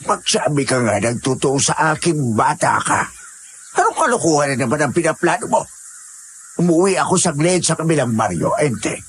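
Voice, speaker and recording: A man playing a stern, gruff old village elder who scolds in an urgent manner. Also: a little high, fairly bright tone. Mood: scolding. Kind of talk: Tagalog audio horror drama.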